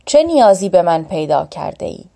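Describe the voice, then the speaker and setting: Lady reading as a wise mythical giant bird, solemn and instructive, mellow voice, storybook. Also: on the low side, very animated, gravelly.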